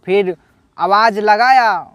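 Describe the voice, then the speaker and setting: A man with a high-pitched voice narrates a devotional folk story at a slow, halting pace. He voices the characters' quoted lines as he goes. The sound is dry and close. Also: fairly bright tone, clear, resonant tone, no room sound. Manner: unhurried, halting retelling with restarts and acted quotes. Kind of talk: casual spoken religious story.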